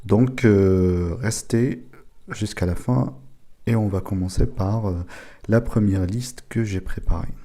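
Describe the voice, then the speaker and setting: A man giving a casual spoken language lesson, saying each word slowly and repeating it several times. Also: lowish voice, dark tone. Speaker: language teacher.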